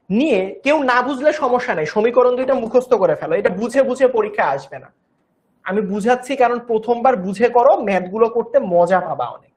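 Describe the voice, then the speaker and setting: A woman's voice: a little high, a little mellow. A young woman giving an online chemistry class, patiently repeating each step and coaxing her students along. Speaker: chemistry teacher.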